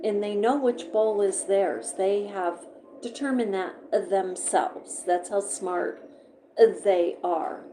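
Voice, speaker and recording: A woman's voice: mid-range voice, warm tone, roomy sound, a little hiss or hum, poor audio. A woman live-streaming about her pet finches, chatting casually and rambling as she reads notes aloud and comments on them. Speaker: pet bird vlogger. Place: indoor room beside a birdcage.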